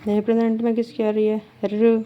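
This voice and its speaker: A woman's voice: fairly high pitch, completely flat delivery, moderate pace, lo-fi sound, a little hiss or hum. A woman teaching a shorthand lesson step by step, patiently asking her students questions and then answering them herself, drawing out words as she writes. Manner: drags out words while writing.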